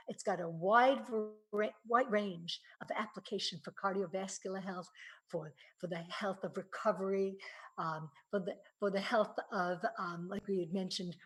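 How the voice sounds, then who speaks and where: Woman presenter, mid pitch, earnest and explanatory, trips over words and restarts. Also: low-quality recording. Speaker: health presenter. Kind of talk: presentation on eye supplements.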